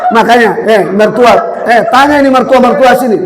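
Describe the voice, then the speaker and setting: High-voiced preacher shouting in echoey church. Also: male voice, brisk. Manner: animated preaching, shouting out points then dropping to storytelling. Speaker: pastor. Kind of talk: sermon. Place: church sanctuary. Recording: echoey church hall with faint ambience.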